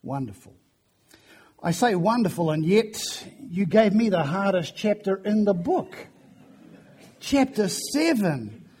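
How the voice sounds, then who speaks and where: Hoarse fifty-something preacher, high voice. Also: male voice, very animated, slow, a little mellow. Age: 50s. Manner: chatty, self-deprecating storytelling. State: hoarse from flu. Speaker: guest preacher. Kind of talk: sermon. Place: church.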